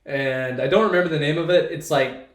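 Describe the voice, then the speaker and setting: The voice is a man's, fairly high-pitched and brisk. He's a young podcast co-host with a blocked nose, chatting casually and rambling in a relaxed way, recorded in an echoey room.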